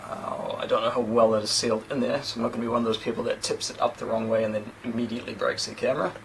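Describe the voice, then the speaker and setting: Rapid-fire and gravelly, this thirty-something New Zealander's medium-pitched, level voice comes through a rough recording with slight background noise. He's a tech reviewer unboxing a gadget in a small room with a plain sheet backdrop, chatty and rambling, full of self-deprecating asides, caught by a camera mic a few feet off.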